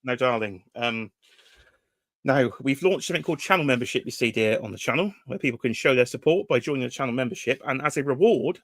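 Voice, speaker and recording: A British host greets chat viewers by name on a toy-collecting livestream, teasing and chatting casually. His mid-range voice is expressive, fast and a bit bright, recorded without echo.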